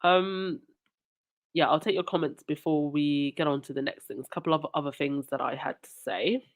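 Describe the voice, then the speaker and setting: With a deep voice at normal speed, a woman runs a livestream, reading comments and thanking viewers. A cold leaves her nose stuffy, and at times she gets indignant and argues back with chat and supporters.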